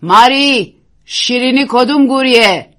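A woman voicing a brisk, bossy hostess who talks loudly and commandingly. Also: medium pitch, animated. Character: brisk, bossy hostess calling to her maid.

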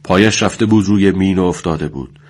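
Deep-voiced solemn male storyteller. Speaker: narrator. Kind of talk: dramatic story reading.

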